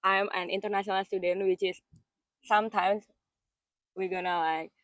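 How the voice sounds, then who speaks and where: A woman's voice: medium pitch, steady tone, moderate pace, no echo, highs cut off. A woman in her twenties with an Indonesian accent, a master's student answering interview questions chattily with many likes. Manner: chatty, frequent likes, non-native grammar.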